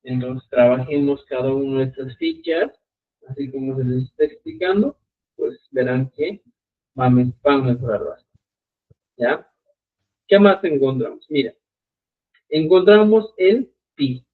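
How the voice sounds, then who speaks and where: A man teaching a live online Quechua lesson, repeating examples slowly and checking in with his students. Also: mid-range voice. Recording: tinny phone-like live stream audio.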